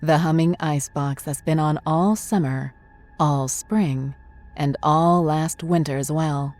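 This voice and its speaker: Narrator: woman, low voice, steady storyteller for a horror short, faint score underneath. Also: faint music behind. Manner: measured, descriptive storytelling.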